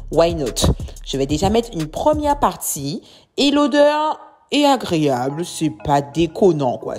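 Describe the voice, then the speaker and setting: A woman's voice: fairly low pitch, warm tone. A woman hair care vlogger giving a casual, chatty product review and talking straight to her viewers. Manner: chatty, addresses viewers as sweeties, exclaims. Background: background music.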